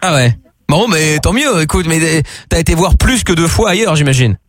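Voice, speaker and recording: A man's voice: a little high, expressive, moderate pace, dry recording. A man hosting a live call-in radio show in informal, slangy, teasing chat, close on a studio mic. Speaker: radio host.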